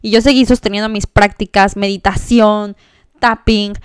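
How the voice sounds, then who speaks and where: A Mexican woman hosting a podcast, telling a personal story in a chatty, expressive way with many fillers. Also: mid-range voice, normal speed, clear, resonant tone, no room sound. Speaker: podcast host. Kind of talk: casual storytelling monologue.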